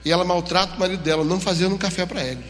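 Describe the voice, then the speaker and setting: Animated high-voiced Brazilian pastor preaching. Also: male voice, racing, slight background noise. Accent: Brazilian Portuguese. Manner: animated storytelling, acting out dialogue. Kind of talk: sermon. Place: church. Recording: long church hall reverb.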